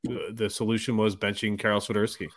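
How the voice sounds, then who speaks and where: A man's voice: fairly low pitch, level tone, fast, dry recording. A man co-hosting a casual sports podcast, talking loosely with lots of fillers and an upbeat tone. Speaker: podcast co-host. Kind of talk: casual chat.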